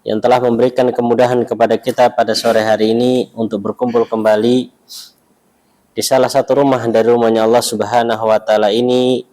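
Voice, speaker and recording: A man with an Indonesian accent teaching an Arabic lesson to a mosque class, explaining in a relaxed, chatty way with asides. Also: mid-range voice, fairly quick, rough recording.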